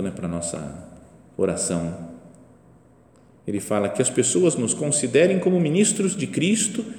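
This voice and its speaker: Man preaching with a mellow voice in a roomy hall. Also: fairly low pitch. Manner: conversational, with frequent "né?" and rhetorical questions; acts out imagined voices in quotes. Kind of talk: spiritual meditation talk. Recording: echoey hall with faint ambience.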